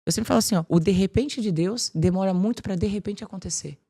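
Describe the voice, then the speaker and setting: With a medium-pitched voice and a quick pace, a woman podcast guest chats energetically and casually about her faith and work. "Tipo assim" crops up often in her speech.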